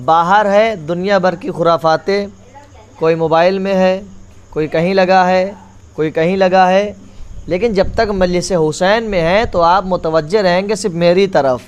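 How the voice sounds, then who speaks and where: A man's voice: steady tone, clear, resonant tone, muffled recording. A man delivering a Muharram majlis sermon. He repeats his key lines and keeps calling the audience back to attention. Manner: rises in pitch and force as the sermon builds. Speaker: maulana giving a majlis address.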